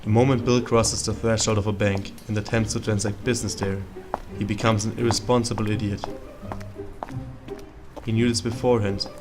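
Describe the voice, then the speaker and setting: A male narrator tells a story in the manner of an old radio play. His voice is fairly low and flat in pitch, dry and measured, with light music behind it.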